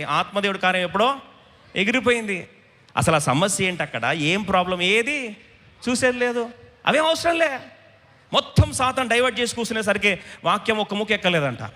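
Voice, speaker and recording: A man preaching a sermon in an emphatic style, questioning the congregation and rising to shouts. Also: sits high, big-room sound.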